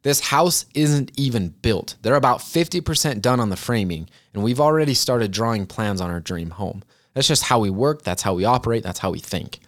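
A man's voice: mid-range voice, lively intonation, normal speed, fairly bright tone. A man in his twenties hosting a podcast, talking casually and earnestly to his listeners about goals and chatting to them like friends. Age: 20s. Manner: earnest, chatty, addresses listeners as "you guys". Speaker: podcast host. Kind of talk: casual motivational talk.

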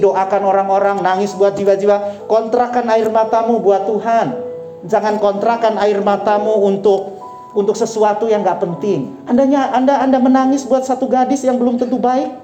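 A woman pastor preaches with a mellow, darker tone, repeating her points and often calling out "Amin". Her voice rings in a roomy church hall, with soft instrument music faintly underneath. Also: medium pitch. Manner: exhorting, repeats phrases, frequent "Amin". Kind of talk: sermon.

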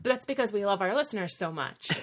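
A woman's voice: medium pitch, animated, a little fast. A woman co-hosting a podcast in casual chat, chatty and upbeat with frequent giggles. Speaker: podcast co-host.

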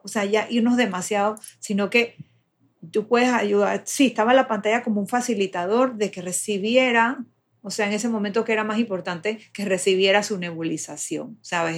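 A woman's voice: medium pitch, breathy edge. A woman explaining child development step by step in a patient, conversational way.

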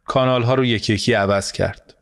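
A man reading a story aloud in calm, measured scripted narration. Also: mid-range voice. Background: soft music score.

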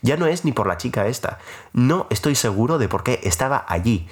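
A man's voice: mid-range voice, big pitch swings, fairly quick. A young man in his twenties hosting a podcast, telling a personal story in a casual, rambling, self-mocking way with many filler sounds.

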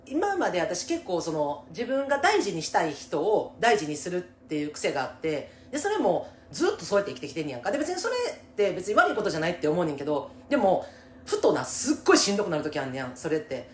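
Speaking fast with wildly swooping pitch in a low-ish register, a woman with a Kansai accent gives advice as a casual co-host. She is empathetic and emphatic, often chiming in agreement, and the echoey room carries faint background noise.

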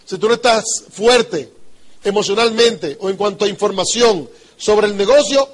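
A man with a Dominican Spanish accent and a high-pitched voice delivers a motivational talk on business. He talks emphatically, says key phrases over and over, and keeps checking with his listeners through rhetorical questions. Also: moderate pace. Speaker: business trainer.

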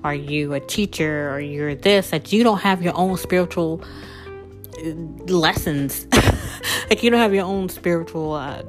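A woman's voice: deep voice, a little slow, faint music behind. A woman podcast host and spiritual coach, talking casually and candidly through personal stories, with lots of "like" and "you know".

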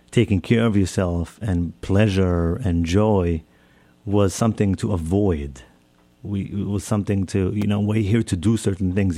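A man's voice: low-pitched, warm tone, no echo. A man, giving a reflective personal talk and often repeating and rephrasing his phrases. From Israel. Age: 30s. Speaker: speaker. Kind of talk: personal talk on self-care.

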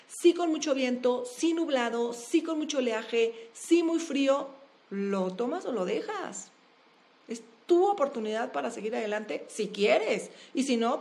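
A woman with a Mexican accent speaks in a bright, high register. She talks in a casual, animated way and stresses her points hard. She keeps firing off quick rhetorical questions. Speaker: guest, open-water swimmer and speaker. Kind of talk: casual interview talk.

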